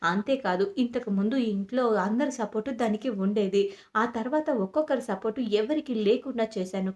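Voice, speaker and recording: A woman's voice: fairly high pitch, darkish tone, close to an everyday voice. A woman reading a bitter, scheming young woman. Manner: bitter, defensive.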